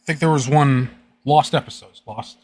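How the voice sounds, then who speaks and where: A male streamer reads a horror story aloud for his viewers at an ordinary middle pitch. Between passages he talks loosely and hesitantly, full of little fillers, before settling back into the text. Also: a little mellow. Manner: halting, filler-heavy chat between readings. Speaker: streamer reading creepypasta. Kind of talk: live-stream story reading.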